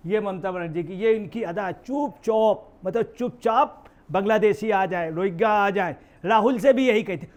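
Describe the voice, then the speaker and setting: Male commentator, high voice, emphatic rhetorical delivery, mocking tone. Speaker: political news commentator. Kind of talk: heated political commentary.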